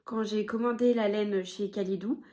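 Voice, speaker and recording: A woman with a mid-range voice and a steady tone hosts a relaxed knitting podcast, showing her work at a normal speed. Her talk is halting and full of fillers, with an occasional gentle aside.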